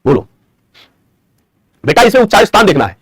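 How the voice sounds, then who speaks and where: A man's voice: sits high, big pitch swings, brisk, breathy edge, no echo. A man teaching an online Hindi grammar class, repeating each point as a question and its answer, calling his students his children and brothers, and dictating definitions word by word. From India. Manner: affectionate teacher's address to students.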